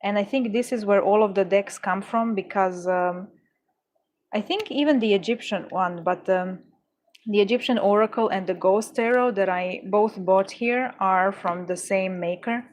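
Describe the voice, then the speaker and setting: Young woman streamer, excitable and effusive, mid-pitched voice, trips over her words while reading chat. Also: normal speed, slight background noise. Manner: gushing, exclamatory, with frequent stumbles and restarts. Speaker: livestreamer. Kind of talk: casual chat with live viewers.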